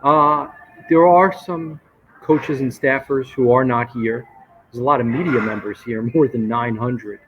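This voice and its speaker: A man's voice: mid-range voice, measured pace, breathy edge. A man talking casually as a sports reporter being interviewed live from a hotel lobby restaurant. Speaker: sports reporter, guest on a show. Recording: muffled, noisy hotel lobby ambience. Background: hotel lobby noise.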